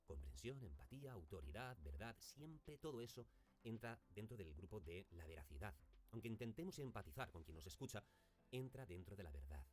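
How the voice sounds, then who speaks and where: A man's voice: lowish voice, very animated, fairly quick, darkish tone. A man, a teacher giving a recorded lesson on intonation and demonstrating stressed words in example phrases. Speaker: speech teacher.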